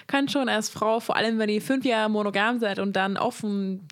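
A woman hosting a casual podcast, chatty and relaxed, giving advice and laughing often. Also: medium pitch, normal speed. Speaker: podcast host.

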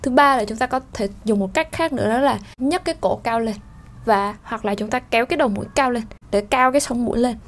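A woman teaching French pronunciation, explaining slowly with fillers and sounding out vowels. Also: on the high side. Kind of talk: spoken lesson.

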